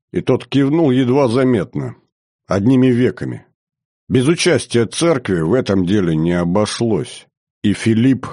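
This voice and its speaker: A man reading a historical novel aloud in measured, even narration. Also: deep voice, no room sound, studio quality. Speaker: audiobook narrator. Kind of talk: scripted narration.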